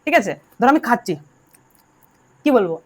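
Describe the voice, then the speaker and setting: A woman's voice: a little high, sing-song, normal speed. A woman teaching English grammar to a class, drilling her students and telling them to answer aloud. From Bengal. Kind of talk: classroom lesson.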